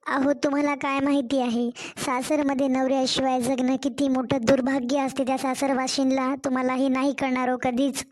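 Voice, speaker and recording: A woman's voice: high voice, little pitch movement, normal speed, darkish tone, natural voice. A woman with a Marathwada Marathi accent voicing a distressed young mother who complains and pleads in a cartoon story. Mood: pleading.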